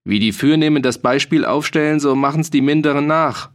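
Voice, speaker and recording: A man's voice: a little high, fairly quick, voice pushed up, close to an everyday voice. A man doing a bragging jolly mercenary. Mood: boastful. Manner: hearty, bragging, dialect-heavy. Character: boastful, jolly grown male mercenary soldier. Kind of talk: audiobook reading.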